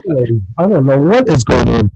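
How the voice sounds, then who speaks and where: A man's voice: medium pitch, big pitch swings, fairly quick, vocal fry, dark tone. A man in casual chat as a call-in guest, sounding muffled and distorted through a faulty microphone, like he's behind a wall. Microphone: faulty microphone over a call. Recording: muffled, buzzing call mic.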